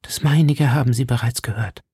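A man voicing a proud, wronged noblewoman who pleads and accuses with intense drama, dropping into hushed whispers at times. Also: medium pitch, brisk, breathy edge, no echo, studio quality. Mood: defiant.

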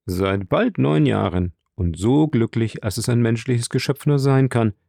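A man's voice: mid-range voice, measured pace, creaky, dark tone, no room sound, clean studio sound. A man reading the part of a sincere, earnest young officer in a plain way in an audiobook.

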